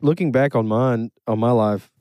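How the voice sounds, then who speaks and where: Mellow-voiced man hosting a podcast. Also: mid-range voice, moderate pace, no echo. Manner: leads topics, asks questions. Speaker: podcast host. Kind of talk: casual chat.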